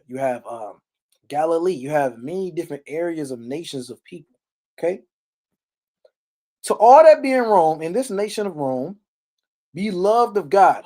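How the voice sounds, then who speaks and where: A man with a fairly high, warm voice teaches through the Bible verse by verse on a live stream. His informal sermon is emphatic and blunt, with salty language and frequent quick questions and tags to check in with listeners.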